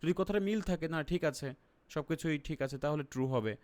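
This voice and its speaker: A man's voice: a little high, a little fast, a little mellow. A man with a Bangladeshi accent teaching an exam-prep lesson online. He keeps asking his viewers questions and then answers them himself. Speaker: IELTS teacher.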